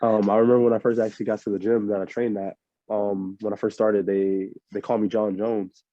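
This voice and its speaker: A relaxed young man answers interview questions in a low, very dark and flat voice, rambling with plenty of fillers. The sound is dry and a little muffled, with no room around it. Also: a little fast, no echo. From Miami, USA. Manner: laid-back, rambling with many fillers. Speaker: interview guest, fighter. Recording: muffled lo-fi audio.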